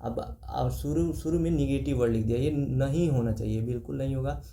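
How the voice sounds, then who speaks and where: Guy teaching exam prep, goes through answers step by step, kinda mellow, echoey room. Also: medium pitch, brisk, vocal fry. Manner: explains step by step, repeats key terms, points at the page. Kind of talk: exam-prep lecture, reading questions and explaining answers.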